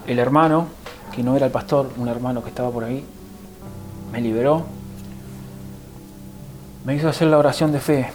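Mellow-voiced Rioplatense man telling his testimony. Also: mid-range voice, normal speed, long pauses, faint music behind, rough recording. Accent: Rioplatense Spanish. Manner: emotional storytelling, acts out what others said. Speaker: guest giving a testimony. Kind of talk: personal conversion testimony.

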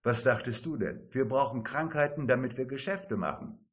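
A man's voice: medium pitch, normal speed, natural voice. A man reading the lines of a smug, cynical male executive, blunt and dismissive.

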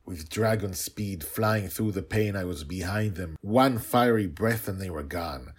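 A man voicing a formidable, devoted dragon who solemnly narrates his own dramatic tale in an audio story, with a husky voice. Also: low-pitched, unhurried. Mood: tense.

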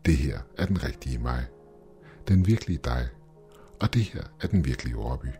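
Guy playing his own older double in a horror story, super deep, pushy, pleading. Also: lively intonation, dark tone, faint music behind. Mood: insistent. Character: older male double of the narrator, urgent, insistent.

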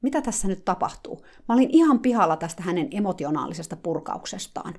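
A woman's voice: fairly low pitch, very animated, darkish tone. Woman telling a dramatic diary story. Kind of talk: first-person diary storytelling.

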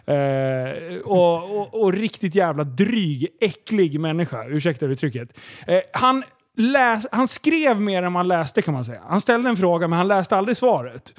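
Man, high voice, animated storytelling, swears a lot, casual podcast chat. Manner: animated, swearing, acts out dialogue with laughs.

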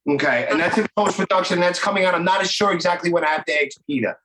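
High-voiced Brooklyn man hosting. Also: fast talker, echoey room, noisy background. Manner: enthusiastic, chatty. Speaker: podcast host. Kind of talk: casual interview chat.

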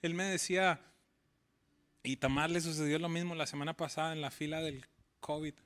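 A man preaching a sermon with a high, bright voice. He pleads through rising questions and slips into quick, conversational storytelling. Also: steady tone. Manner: tells stories in a quick conversational voice. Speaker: pastor.

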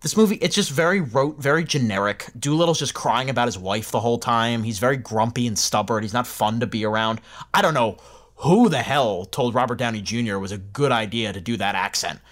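A man co-hosting a film podcast, giving opinionated, animated reviews in a casual chat. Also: mid-range voice, fairly quick. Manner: opinionated, animated, laughs often. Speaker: podcast co-host.

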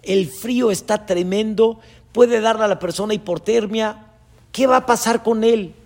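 A man, a rabbi preaching a sermon with dramatic storytelling and sudden loud rises. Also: high voice, moderate pace, vocal fry.

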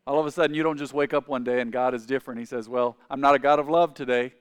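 A man in his forties, preaching as a pastor, speaks quickly and smoothly at a medium pitch with fairly even intonation, asking the congregation to repeat phrases after him. The recording was made in a church sanctuary and carries the long reverb of a large hall.

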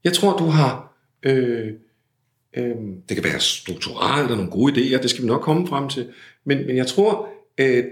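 A man's voice: mid-range voice, fairly bright tone. A man coaching a client, talking bluntly and pushing back on her. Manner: blunt, challenging. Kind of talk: coaching conversation. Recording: roomy echo.

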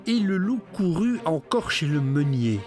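A man narrating a fairy tale with an expressive, rising and falling storytelling manner. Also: on the high side, measured pace. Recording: narration over clear music.

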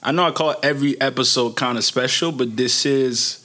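A man's voice: mid-range voice, fairly even intonation, a little fast, sharp tone. A man from Niger hosting a podcast in an informal, slangy way, chatting with rambling asides. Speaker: podcast host. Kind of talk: casual chat.

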